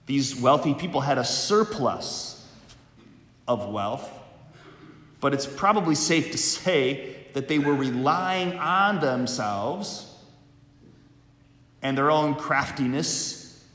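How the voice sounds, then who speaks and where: Inside a vast, reverberant church, a man gives a liturgical Gospel reading followed by a homily, his words trailing off into long cathedral echo. He has a medium-pitched, expressive, fairly bright voice. His delivery is slow and deliberate, broken up by pauses.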